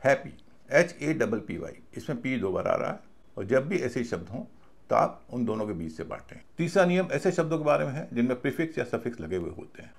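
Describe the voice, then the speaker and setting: A man teaching a video class, slow and patient, stopping to spell out each word letter by letter. His voice is gravelly and rises and falls a lot. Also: mid-range voice, sing-song. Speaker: English pronunciation teacher.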